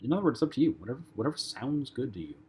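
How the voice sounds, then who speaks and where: A man's voice: medium pitch, sing-song, very fast, a little mellow, husky. A man teaching a flight lesson in a casual, conversational way, with frequent ums and uhs. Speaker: flight instructor. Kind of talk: lecture-style flight lesson.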